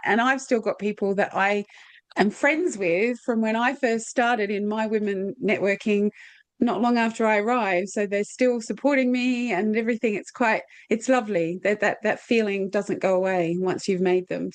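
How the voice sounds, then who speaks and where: A woman's voice: medium pitch, normal speed, no room sound. A middle-aged woman from Australia hosting an interview in a casual, chatty, rambling way. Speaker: podcast host.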